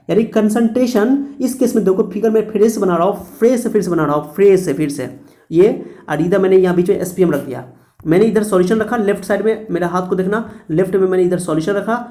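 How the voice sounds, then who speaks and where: A man's voice: high voice, warm tone. A male chemistry teacher giving a classroom lecture, posing questions and answering them himself, often correcting his own slips.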